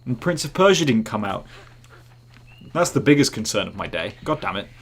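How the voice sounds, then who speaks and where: A man's voice: mid-range voice, sing-song, normal speed, slight background noise. A man streaming live gameplay who rambles, jokes and chats with his viewers. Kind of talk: casual live gameplay commentary.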